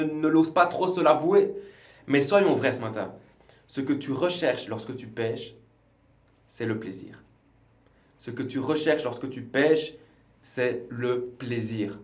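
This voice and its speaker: A man's voice: mid-range voice, darkish tone. Man, preacher, earnest sermon, stumbles and repeats words, roomy echo. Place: church service streamed live.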